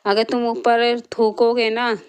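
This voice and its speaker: A woman's voice: on the high side, level tone, slow pace, smooth, no room sound. A woman vlogger telling a story from her life and giving earnest moral advice, repeating herself often. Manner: repetitive, earnest, preachy.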